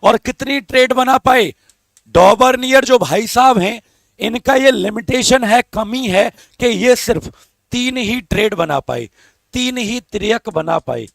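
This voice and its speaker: High, gravelly male teacher coaxing students. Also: lively intonation, measured pace, a bit bright, dry recording, studio quality. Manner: coaxing, calls students beta and babu, asks for comments. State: strained throat, talking softly. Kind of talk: live online exam-prep lesson.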